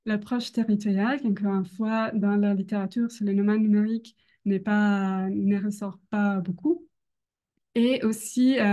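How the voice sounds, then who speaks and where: A young woman with a foreign accent, a non-native speaker, gives an academic presentation hesitantly, often pausing to search for words. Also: medium pitch, mellow. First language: not French. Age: young adult. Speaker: doctoral researcher presenting.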